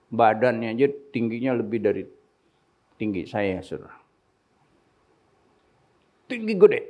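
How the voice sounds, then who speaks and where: A man preaching a sermon as pastor, in a joking, punchy way with sudden loud rises, with in his speech. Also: mid-range voice. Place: church hall with congregation.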